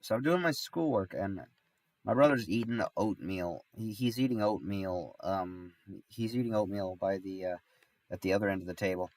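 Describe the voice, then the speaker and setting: Low-voiced sick man rambling. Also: moderate pace, darkish tone, recorded from a distance. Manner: rambling, with many restarts and fillers. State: sick with a stuffy nose. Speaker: streamer. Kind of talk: casual storytelling on a livestream.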